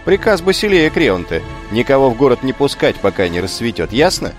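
A man's voice: mid-range voice, sing-song, a little fast, soft background music, pitched above the performer's own voice, close to an everyday voice. A man voicing a stocky, bearded soldier who barks curt orders from a city wall in an audiobook.

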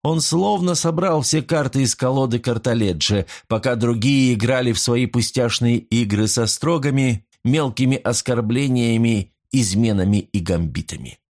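Steady male audiobook narrator. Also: medium pitch, normal speed, few pauses. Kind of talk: first-person literary narration.

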